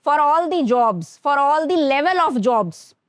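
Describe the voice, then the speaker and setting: A high-voiced woman with an Indian accent leads a grooming class, mixing Hindi and English as she talks straight to her students. She speaks slowly and deliberately, drawing words out. The sound is dry and close, with little room echo. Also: lively intonation. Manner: mixes Hindi and English, addresses students directly. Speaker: teacher.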